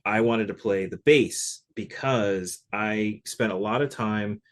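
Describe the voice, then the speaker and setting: Low-voiced man telling stories casually. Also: slow pace. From Connecticut, US. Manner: relaxed, chatty, frequent "like" fillers. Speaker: session percussionist guest. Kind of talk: casual interview storytelling.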